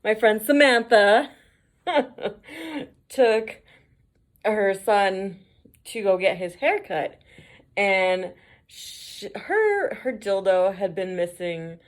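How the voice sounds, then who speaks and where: A woman's voice: mid-range voice, lively intonation, drawn-out words, long pauses. A woman who works as a mail carrier, telling casual stories for her vlog, swearing, laughing often and acting out the voices of the people she quotes.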